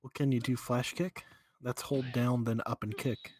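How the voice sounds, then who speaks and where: A man's voice: mid-range voice, level tone, normal speed, darkish tone, a little hiss or hum. A man co-hosting a podcast, chatting casually over gameplay, giving dry teasing remarks and game tips. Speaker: podcast co-host.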